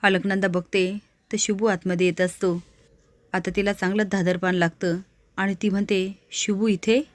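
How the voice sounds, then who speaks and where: A woman retells a drama serial in steady storybook narration, mid-pitched. Her voice is close and dry, with no room sound. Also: normal speed, no room sound.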